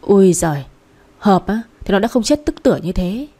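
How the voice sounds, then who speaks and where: Old village woman, blunt and scolding, read by a female narrator; mellow tone. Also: medium pitch, big pitch swings, moderate pace, husky. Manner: coarse, nagging.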